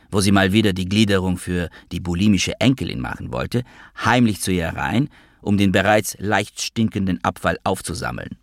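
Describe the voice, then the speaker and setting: A man's voice: sits low, gravelly, no echo. A man narrating a literary audiobook in a dry, ironic storytelling manner.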